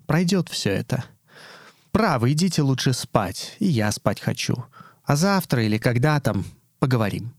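A man's voice: medium pitch, animated, normal speed, vocal fry, no room sound, clean studio sound. A man voicing a withdrawn young daughter who answers her parents curtly and gloomily. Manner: curt, gloomy and impatient.

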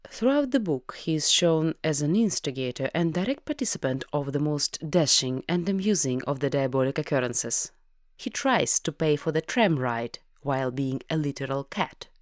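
Casting: low-pitched female co-host, wry scripted delivery, dry close sound. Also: lively intonation, normal speed, no echo. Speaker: podcast co-host. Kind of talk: scripted podcast narration.

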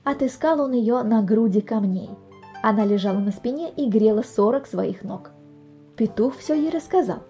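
A woman narrating a bedtime fairy tale, gentle and expressive, talking to the listener. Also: fairly high pitch, normal speed, soft background music. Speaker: storyteller, podcast host. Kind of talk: scripted bedtime story narration.

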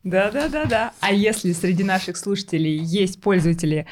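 A woman's voice: mid-range voice, brisk, noisy background. Woman hosting a podcast interview. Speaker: podcast host.

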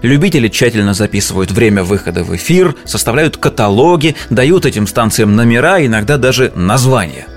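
A man's voice: mid-range voice, big pitch swings, fairly quick, hardly any pauses. Conversational man explaining over music. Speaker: presenter. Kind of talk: informal explainer narration.

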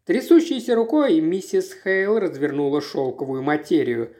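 An audiobook narrator reading a literary story in a measured, expressive way. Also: medium pitch.

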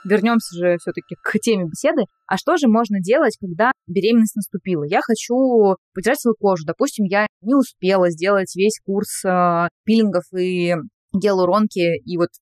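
A woman's voice: medium pitch, normal speed, a little mellow, no echo. A woman in her late twenties interviewing an expert, chatty and telling her own experience. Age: late 20s. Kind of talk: interview questions and personal story.

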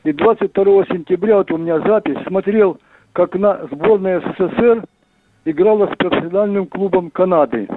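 An older man calling in to a live radio show over a landline phone, speaking haltingly as he reads from his old notes. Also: high voice. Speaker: caller. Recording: tinny phone line with faint hiss.

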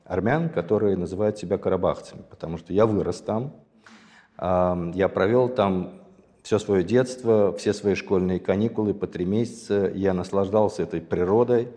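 A man in his sixties from Azerbaijan, a guest telling his life story in a measured, thoughtful way and pausing to find his words. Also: low voice, dark tone. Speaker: interview guest. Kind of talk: reflective personal storytelling. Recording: long hall reverb.

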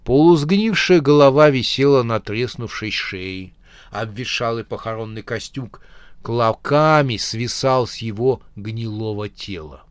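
Slow, measured male narrator. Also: medium pitch, smooth, dry recording, studio quality. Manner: measured, unhurried reading. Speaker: audiobook narrator. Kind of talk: scripted storybook narration.

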